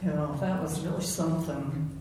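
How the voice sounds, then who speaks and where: A woman's voice: sits low, fairly even intonation, moderate pace. An older woman earnestly recalling her wartime memories to a group. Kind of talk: casual storytelling to a group. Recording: very echoey room, faint noise.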